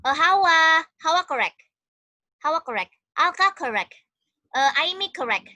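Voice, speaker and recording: Bright high-voiced Indonesian woman teacher. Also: sing-song, unhurried, no room sound. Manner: affectionate, encouraging, calls students one by one. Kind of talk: online class teaching. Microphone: video call.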